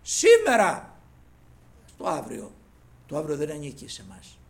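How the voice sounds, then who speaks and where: A man preaching a sermon, addressing listeners as brothers and retelling scripture in lofty old phrasing, swinging from loud cries to hushed asides. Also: fairly high pitch, wildly swooping pitch, vocal fry.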